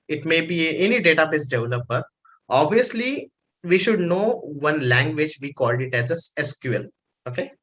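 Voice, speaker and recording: Halting Indian man hosting online training. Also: fairly high pitch, a bit bright, rough recording. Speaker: host introducing an online training session. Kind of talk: informal online presentation. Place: online conference call.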